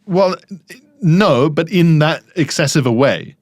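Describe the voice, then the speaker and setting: A man's voice: fairly high pitch, slow, dry recording, studio quality. A man co-hosting a comedy podcast, telling exaggerated anecdotes in casual chat. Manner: animated, exaggerated storytelling. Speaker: podcast co-host.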